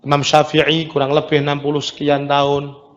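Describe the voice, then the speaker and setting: A man with a Javanese accent preaching a sermon in an animated storytelling manner, acting out other voices. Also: fairly high pitch, moderate pace, in a large hall, highs cut off. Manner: animated storytelling, mimics voices, mixes in local words.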